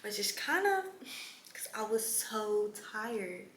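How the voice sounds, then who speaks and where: Young woman vlogging, chatty and animated, bright voice in an echoey room with faint hum. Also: mid-range voice, slow pace. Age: young adult. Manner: animated, chatty, with sudden whispered asides. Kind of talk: casual storytime vlog.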